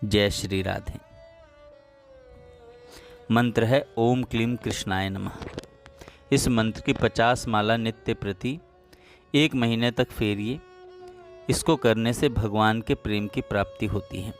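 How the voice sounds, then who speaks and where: A man narrating a devotional story in a calm, measured reading voice. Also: on the low side, faint music behind.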